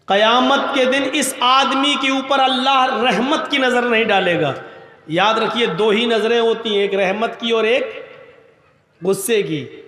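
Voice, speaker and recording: A man preaching a fiery sermon, telling a story and asking the crowd questions, rising to shouts for emphasis on a stage microphone. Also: very high-pitched. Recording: echoey hall with long reverb.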